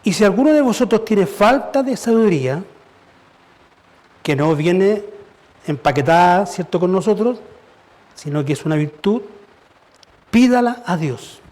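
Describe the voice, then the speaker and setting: High-voiced man preaching a sermon. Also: animated, measured pace, pauses often, darkish tone. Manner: conversational preaching with rhetorical questions. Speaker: pastor. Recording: church service.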